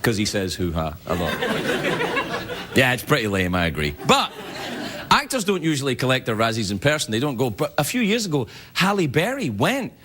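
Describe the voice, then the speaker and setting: A middle-aged Scottish man hosts a late-night show, giving a wry, self-mocking comedy monologue to a studio audience whose loud noise fills the background. His voice is medium in pitch, sing-song, and a little fast.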